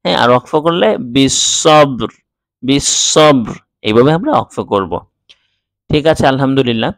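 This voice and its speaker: A man teaching Quran reading, spelling out letters and vowel marks slowly and then explaining quickly. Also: mid-range voice, lively intonation, no room sound. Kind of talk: slow syllable-by-syllable recitation lesson.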